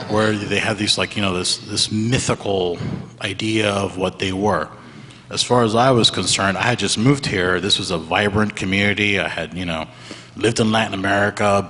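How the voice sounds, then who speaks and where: A man's voice: low voice, sharp tone. A man in his thirties from Venezuela, speaking as a panelist with a wry, irreverent storytelling manner. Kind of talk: live panel talk. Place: museum event hall before an audience. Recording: live hall reverb.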